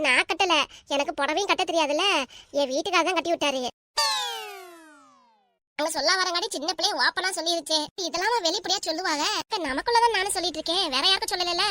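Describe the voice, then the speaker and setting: Woman, southern Tamil village accent, cartoon voices, very fast, bright, dry. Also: extremely high pitch. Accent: southern Tamil Nadu, Kanyakumari-Tirunelveli dialect. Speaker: voice artist for a cartoon. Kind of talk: voicing all characters in a village comedy cartoon.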